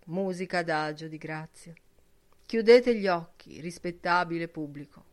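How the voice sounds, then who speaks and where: A woman's voice: fairly low pitch, a little slow, natural voice. A woman reading an audiobook, voicing a jovial, mocking young man who teases and mock-preaches. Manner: mock-preaching, boisterous, teasing.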